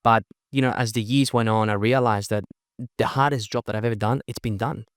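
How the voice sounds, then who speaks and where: A young Chilean man, a networking event organizer appearing as a podcast guest, speaks Spanish natively and has an accent blending Spanish and Australian. His fairly low voice moves fast and emphatically through energetic, casual interview talk, often tagging lines with "right?". The studio sound is clean with no room sound.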